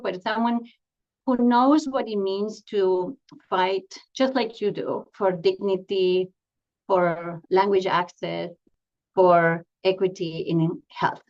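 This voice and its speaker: A woman from Argentina, a family doctor and professor, giving an earnest, halting talk from home over a video call, with many fillers and restarts. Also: medium pitch, muffled recording. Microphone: computer mic on a video call.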